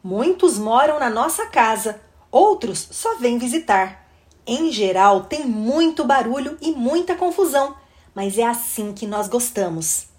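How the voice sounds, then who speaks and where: A woman, reading a children's book aloud in a lively, animated way. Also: fairly high pitch, unhurried. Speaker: storybook reader.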